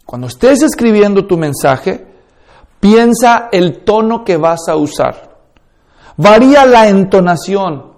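A man's voice: high-pitched, expressive, slow pace, a little mellow. A man teaching a course on preaching, speaking in an emphatic, instructive way, addressing listeners directly and demonstrating tones and speeds with his own voice.

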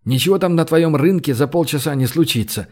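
An anxious, protective man who frets over the others' safety, as a male audiobook reader puts him on. His voice sits a touch higher than usual. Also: brisk, darkish tone, natural voice. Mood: worried.

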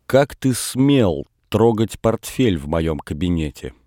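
A man's voice: sits low, big pitch swings, slow pace, mellow, no echo, clean studio sound, full character voice. A man reading aloud, voicing a stern father who scolds and mocks his son in a storybook reading. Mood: scolding. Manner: sternly scolding, mocking repetition.

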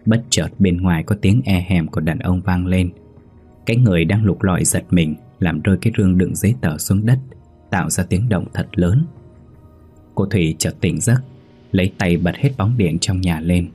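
A man narrating a horror story in a steady, even storytelling manner. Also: deep voice, normal speed, breathy edge, soft background music.

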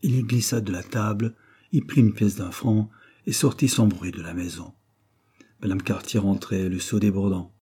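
Husky, dark-voiced male audiobook narrator. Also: lowish voice, fairly even intonation, normal speed. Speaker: audiobook reader.

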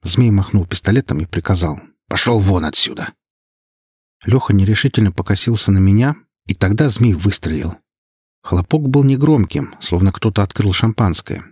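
A man reading a first-person novel aloud as an audiobook narrator, steady and even. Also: lowish voice, fairly quick, husky, no room sound, studio quality. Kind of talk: scripted narration.

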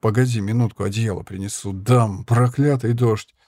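A man reading the part of a gruff male mercenary, talking in urgent, clipped phrases. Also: lowish voice, steady tone, moderate pace, a little mellow, dry recording.

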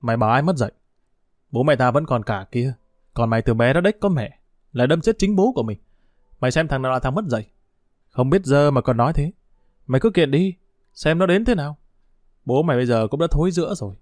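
A man voicing a sly, stubborn village dog thief who taunts and scorns in quick, rough speech. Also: mid-range voice, lively intonation, darkish tone, dry recording, clean studio sound, lightly acted. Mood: scornful, taunting.

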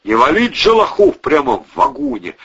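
A man voicing a rowdy, boastful young male gangster who shouts in crude slang, on a dull lo-fi recording. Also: a little high, huge pitch swings, normal speed, breathy edge, pitched above the performer's own voice, exaggerated voice.

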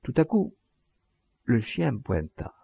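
A man narrating a literary audiobook in a measured, expressive storytelling manner, with a gravelly voice. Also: medium pitch, no echo.

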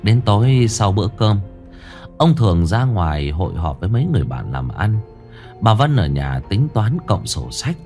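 A man's voice: low-pitched, a little mellow. A man narrating a scripted horror story, dramatic and dwelling on gruesome detail.

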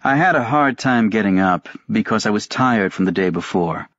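A man narrating a first-person novel as a sleep audiobook, in an even, unhurried reading voice. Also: lowish voice. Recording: dry, dull-sounding recording.

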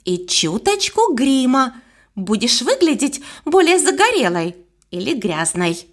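A woman's voice: high voice, big pitch swings, measured pace, heavily acted. A woman reading the part of a caring adult actress who coaxes and fusses over a girl. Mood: coaxing. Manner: caring, coaxing. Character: kind, fussing adult actress, motherly.

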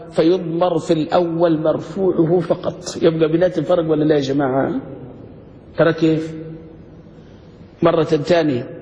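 A man, teaching a grammar lesson and quizzing his students, slowing down to spell out each example. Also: on the high side, darkish tone. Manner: asks students questions, slows to spell out examples. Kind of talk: classroom lesson. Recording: dull lo-fi recording with long reverb.

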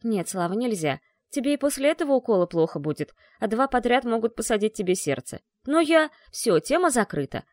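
A woman's voice: fairly high pitch, very animated, fairly quick, few pauses, no room sound, clean studio sound. A woman voicing an anxious, caring mother who fusses over her son and speaks firmly.

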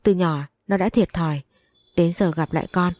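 A woman's voice: lowish voice, moderate pace, dark tone, dry recording. A woman narrating a first-person story in an earnest, emotional reading.

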